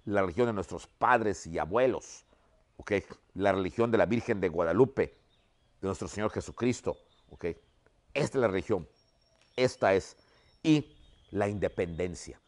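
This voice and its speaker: A man's voice: on the low side, close to an everyday voice. A man voicing a proud, persuasive male general who pleads for peace and union in a storytelling lesson.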